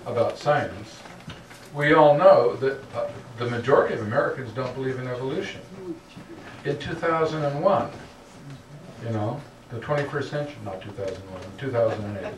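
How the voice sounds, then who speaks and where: Man answering questions at a public talk, earnest, roomy hall, distant mic, faint noise. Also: mid-range voice. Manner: earnest, repeatedly asks "okay?". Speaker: lecture speaker answering questions.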